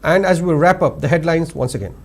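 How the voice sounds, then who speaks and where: A man's voice: a little high, heavy background noise. Man reading Manipuri English news. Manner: formal, measured, lifts each story opening. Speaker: news anchor.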